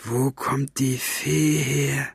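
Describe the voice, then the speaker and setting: A man reading aloud and voicing a brutal, bullying male henchman who barks contemptuous threats in a raised, higher voice. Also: steady tone, a little fast, fairly bright tone, no echo, clean studio sound. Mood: menacing.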